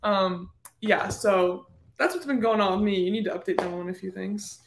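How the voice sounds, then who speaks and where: A woman's voice: medium pitch, normal speed, gravelly, background noise. A young woman co-hosting a casual podcast chat, upbeat and supportive. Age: young adult. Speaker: podcast co-host. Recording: echoey room.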